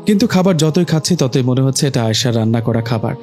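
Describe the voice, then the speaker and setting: A man narrating a romantic story in a calm, steady storytelling manner. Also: mid-range voice, quick pace. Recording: narration over faint music.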